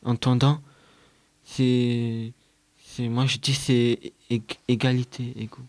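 A teenage boy answering interview questions in a hesitant, halting way. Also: mid-range voice, little pitch movement, a little mellow, dry recording. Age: teens. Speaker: student guest.

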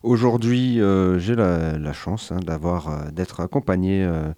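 A man's voice: deep voice, a little slow, dark tone, dry recording. A man hosting a radio interview, speaking with many hesitations and fillers into a studio microphone. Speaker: radio host.

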